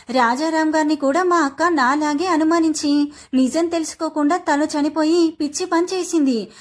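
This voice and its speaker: A woman voicing a gentle young wife, talking in a soft, reassuring way. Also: high voice, natural voice.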